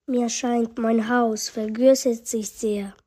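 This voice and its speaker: A woman's voice: on the high side, steady tone, takes it slowly, dark tone, slightly rough. Woman voicing a fretful old grandma. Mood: relieved. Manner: rhyming, wailing lament. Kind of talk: rhyming story reading.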